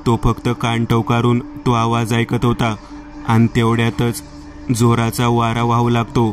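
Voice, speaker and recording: A man narrating a horror story in a steady, monotone way. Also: mid-range voice, a little slow, soft background music.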